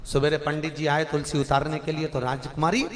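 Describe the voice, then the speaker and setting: A man preaches, spinning a devotional tale with lively drama. His voice sits fairly high. The recording carries a long hall reverb. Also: brisk. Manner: animated, dramatic, voices the figures. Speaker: preacher, storyteller. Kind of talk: devotional sermon storytelling.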